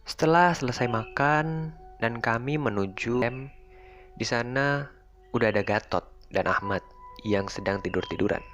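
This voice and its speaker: A man narrating a first-person horror story in a relaxed, conversational way. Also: mid-range voice, measured pace, long pauses. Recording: faint music underneath. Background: faint background music.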